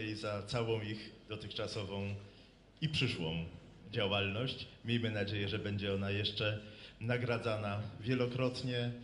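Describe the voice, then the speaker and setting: Male ceremonial speaker, fairly low, formal and polite, faint noise. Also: a bit bright. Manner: formal, courteous. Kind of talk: formal congratulatory speech. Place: hall at a public ceremony. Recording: echoey hall, faint noise.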